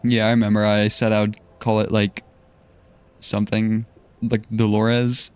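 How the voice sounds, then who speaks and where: A man's voice: fairly low pitch, level tone, measured pace, clean tone, no echo. A man streaming a game live, commenting casually in a loose, joking way and swearing freely.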